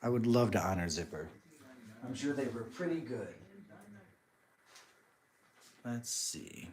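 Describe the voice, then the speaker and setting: A man's voice: medium pitch, lively intonation, normal speed, darkish tone. A man casually chatting with viewers on a live stream while he crafts, reading and answering the chat.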